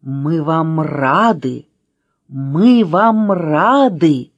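A woman voicing a fussy, scolding talking letter in a children's storybook reading, with a slightly husky voice. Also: lowish voice, wildly swooping pitch, slow, dry recording, highs cut off, full character voice. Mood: welcoming. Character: gruff, welcoming female talking letter И.

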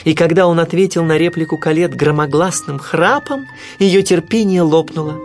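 A man's voice: a little high, moderate pace, faint music behind. A man reading a children's storybook aloud as narrator, telling it in the first person with expression.

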